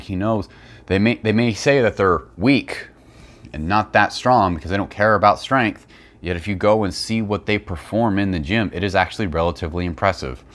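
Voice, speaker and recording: A man speaks off the cuff. He is blunt and opinionated, explaining his points in the style of a response video from a fitness creator. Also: low-pitched. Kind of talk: unscripted response-video commentary.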